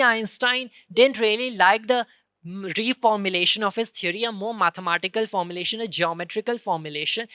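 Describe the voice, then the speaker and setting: Woman, stage science talk, bright crisp voice, dry close sound, earnest, self-correcting. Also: medium pitch, no room sound. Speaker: student presenter. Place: convention centre stage.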